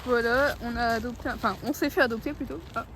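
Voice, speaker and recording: A woman's voice: a little high, fairly even intonation, quick pace, a loud crowd, very noisy. A young woman chatting casually and teasingly in a travel vlog, giggling often. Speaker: vlogger.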